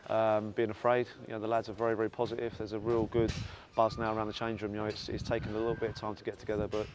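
A man, a football manager giving a post-match interview, talking quickly with lots of repeats and fillers. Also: fairly low pitch, monotone. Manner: fast, repetitive, filler-heavy talk. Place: outdoor stadium stands at night. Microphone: lapel mic. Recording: noisy outdoor windy stadium.

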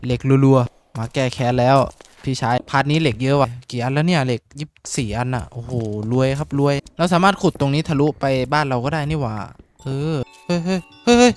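A young man giving casual, rough-spoken commentary while playing a game, swearing a lot and yelping when startled. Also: medium pitch, fast talker. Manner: swears freely, shouts in sudden panic. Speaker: gaming streamer. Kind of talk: casual Minecraft let's-play commentary.

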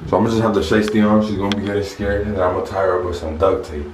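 A man's voice: sits low, little pitch movement, racing, darkish tone, distant mic, slight background noise. A young man chatting casually and slangily to a camera held at arm's length at home. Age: young adult. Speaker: prank vlogger. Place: small indoor room at home. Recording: echoey room, faint music behind.

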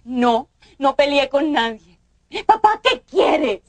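An actress playing an irritable, defiant young adult daughter in a telenovela, curt and argumentative. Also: female voice, high-pitched, sing-song, slow pace, full character voice. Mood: irritated, defiant. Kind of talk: telenovela acting. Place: furnished bedroom set, indoors.

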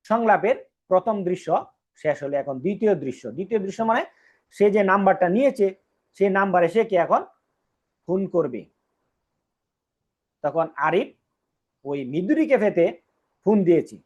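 A man's voice: sits high, expressive, moderate pace, long pauses, darkish tone. A man teaching a Japanese lesson, explaining step by step and repeating each phrase. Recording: dull lo-fi recording.

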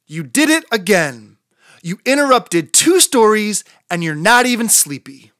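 A woman voicing a patient, tired father rooster in a storybook, measured and gently chiding. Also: medium pitch, sing-song, no echo, clean studio sound. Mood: mildly exasperated.

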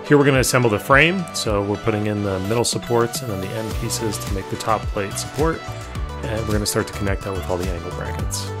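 A man in his thirties walks through a do-it-yourself project in a relaxed, practical way, correcting himself as he goes. His voice sits on the low side. Music plays clearly behind him. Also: quick pace. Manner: casual and practical, with filler "uh" and self-corrections. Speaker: DIY builder. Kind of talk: casual how-to narration. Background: background music.

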